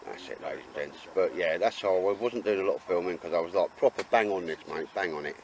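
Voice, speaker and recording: A man's voice: sits low, quick pace. A man with an Essex accent chatting casually and jokily as he hosts a vlog, with matey, laddish banter. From Essex, England. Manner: laddish and jokey, calls friends mate and sir. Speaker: vlog host filming a camping trip. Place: outdoors at a woodland campsite. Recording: outdoor recording with clear ambient noise.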